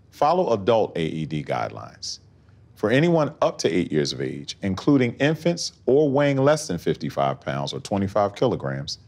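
A man narrating a scripted training lesson in a measured, explanatory way. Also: fairly low pitch, darkish tone. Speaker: instructional narrator.

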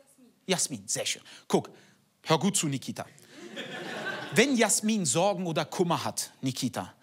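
A man's voice: a little high, sharp tone, slightly rough. A male stand-up comedian, teasing the audience in brash, slangy crowd work. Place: stage in front of a live audience. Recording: live club audience laughter and noise.

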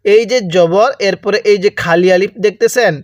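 Man, Bangladeshi Bengali accent, Quran teacher, patient syllable drills, high voice, dry recording. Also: normal speed, dry recording. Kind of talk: slow call-and-repeat recitation lesson.

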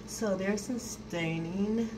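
A middle-aged woman speaks in a chatty, self-conscious way, laughing now and then, with a finger pulling her lip down as she shows her teeth. Her voice sits at an ordinary pitch for a woman. The phone camera is a little distant, so the sound has steady background noise under it. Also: slow. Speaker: customer testimonial. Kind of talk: casual testimonial to camera. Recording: distant mic with noticeable ambient noise.

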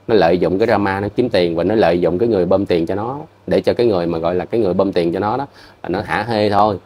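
A man's voice: deep voice, a little mellow. A man with a Southern Vietnamese accent, addressing his viewers in a heated commentary rant. He scolds bluntly and repeats himself. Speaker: vlogger.

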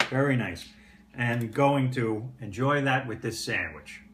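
An older man chats easily at a mid-range pitch while he makes breakfast, filling his pauses with "uh". His voice rings around a roomy home kitchen, picked up by a camera on the table, with a faint hum behind it. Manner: relaxed, chatty, frequent "uh" fillers. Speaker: pipe-smoking home cooking vlogger. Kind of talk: casual home cooking demonstration. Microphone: phone or camera on the table.

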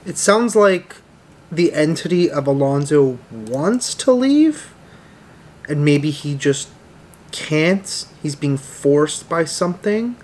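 Casual, excitable man giving commentary. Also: on the high side, takes it slowly. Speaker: video host reacting to footage. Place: small indoor home office.

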